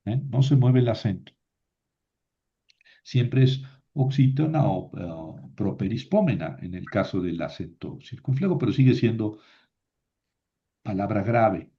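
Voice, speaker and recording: A man's voice: lowish voice, expressive, measured pace, long pauses, dark tone, dull audio. A man teaching a class, patiently reciting word forms aloud and asking rhetorical questions. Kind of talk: classroom lecture.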